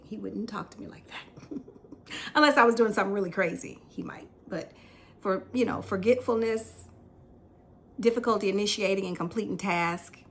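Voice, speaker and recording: A woman's voice: medium pitch, fairly bright tone, slight background noise. A middle-aged woman hosting a casual chat show, talking candidly and laughing at herself often. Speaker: podcast host. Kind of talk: casual tea-time chat.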